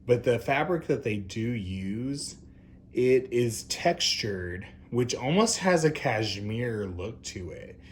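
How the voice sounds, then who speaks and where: A man's voice: medium pitch, lively intonation, slow, slight background noise. A man hosting an unscripted review in an effusive, gushing, campy drag-queen manner. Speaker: doll review host. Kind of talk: unscripted product review commentary.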